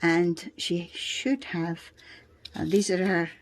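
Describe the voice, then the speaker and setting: A woman's voice: lowish voice, steady tone, slow pace. A middle-aged woman with a Scottish accent, patiently walking a friend through her miniature dollhouse in casual show-and-tell chat, explaining each detail step by step. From Scotland. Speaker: dollhouse owner showing her miniature house.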